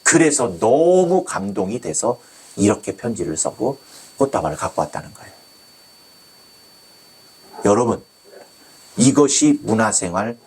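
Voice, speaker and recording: A male pastor delivers a sermon with a slightly husky voice. His pitch swings widely as he tells the story, bursting into exclamations and acting out the voices of the people in it. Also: a little mellow. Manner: storytelling with acted quotes, exclaiming.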